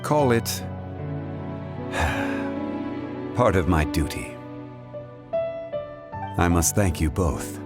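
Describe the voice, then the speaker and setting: An actor playing an ancient, stoic god in human form in a video game, speaking in a measured, formal and grave manner. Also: male voice, sits low, big pitch swings, over loud music, heavily acted. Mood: reserved. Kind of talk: video game story voice acting.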